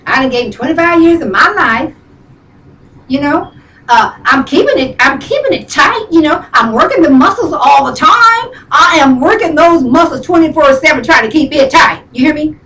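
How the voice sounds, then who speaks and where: A middle-aged woman spins a comic, heartfelt story in a high voice, chatty and tearful, and full of "honey" and "girl". She sounds a little distant from the mic. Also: lively intonation, moderate pace, fairly bright tone. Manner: chatty, tearful, keeps saying "you know", "honey" and "girl".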